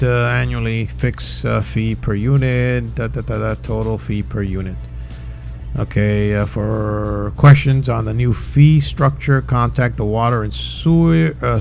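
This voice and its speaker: A man's voice: mid-range voice, creaky, darkish tone. A man hosting a local news show, reading notices in a casual, rambling way with muttered off-the-cuff asides. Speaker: host of a local town news podcast.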